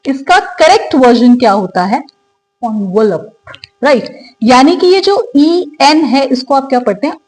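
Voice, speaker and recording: A woman teaching English pronunciation, asking questions and drawing out the example words slowly. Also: sits high, expressive, darkish tone, rough recording. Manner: slow, drawn-out English model words; asks learners questions and answers them. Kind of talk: spoken lesson in Hindi with English examples.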